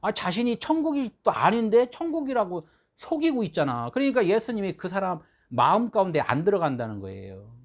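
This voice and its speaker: Animated male pastor preaching. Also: high voice, a little fast. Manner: conversational preaching with frequent rhetorical questions; animated, swings between loud and soft. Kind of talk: sermon.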